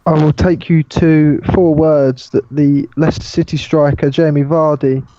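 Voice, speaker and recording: A man's voice: fairly high pitch, steady tone, normal speed, warm tone, no echo. Blunt, swearing British man on a lo-fi mic. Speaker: team principal guest. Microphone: online call mic.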